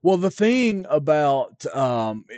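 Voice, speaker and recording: A man's voice: a little high, sing-song, slow, a little mellow, no echo. A man co-hosting a podcast, chatting casually about collectibles, often restarting his sentences and filling gaps with fillers. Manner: rambling, with repeated restarts and fillers. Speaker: podcast co-host, card expert. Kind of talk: casual chat.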